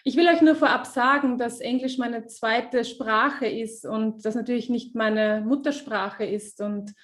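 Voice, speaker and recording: This is a webinar host who also interprets her guest's talk, her fairly high voice coming through a video call. Her delivery is rapid and animated, and she often stumbles into fillers and corrects herself mid-sentence.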